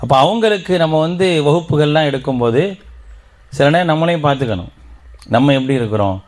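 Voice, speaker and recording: A man's voice: on the high side, lively intonation, fairly quick, darkish tone. A man from Tamil Nadu with a Tamil Nadu accent, giving an Islamic teaching talk to members at an outdoor garden gathering, often stopping to put questions to his audience. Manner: interactive, quizzes the audience with questions. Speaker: preacher.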